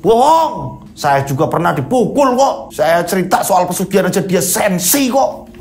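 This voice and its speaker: A man putting on a self-righteous village haji in a spoken ghost story, his voice thrown up very high and shrill. He accuses loudly and with contempt. A faint hiss runs behind him. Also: sing-song, moderate pace, echoey room. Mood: accusing.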